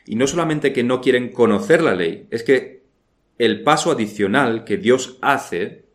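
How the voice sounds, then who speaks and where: A man's voice: medium pitch, animated, unhurried. A man preaching a sermon in an earnest, firm way, asking many rhetorical questions.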